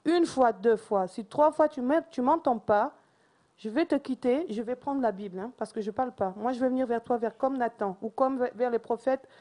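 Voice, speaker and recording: Emphatic woman testifying, higher voice. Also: moderate pace, mellow. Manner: mixes languages, repetitive and emphatic. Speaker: church member giving testimony. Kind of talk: emotional church testimony.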